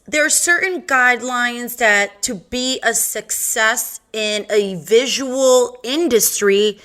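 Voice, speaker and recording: A woman's voice: on the high side, pushed and bright. A young adult woman with a Valley Girl accent hosting a podcast, talking in a sassy, profane, sing-song way and slipping into playful quoted voices. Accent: Californian Valley Girl. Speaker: podcast host. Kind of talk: casual monologue.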